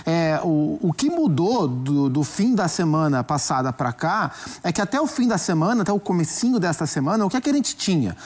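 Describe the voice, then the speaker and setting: In a studio sports debate, a male commentator with a Brazilian Portuguese accent gives his view in a measured way, often restarting phrases as he thinks. His voice is a little high and darkish in tone, yet very animated.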